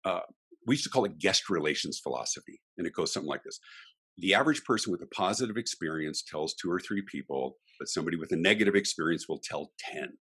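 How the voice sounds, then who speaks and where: Animated, husky-voiced middle-aged man. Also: sits low, quick pace. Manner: emphatic and ranting, with vivid examples. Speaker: podcast guest, customer experience speaker. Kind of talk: animated interview talk.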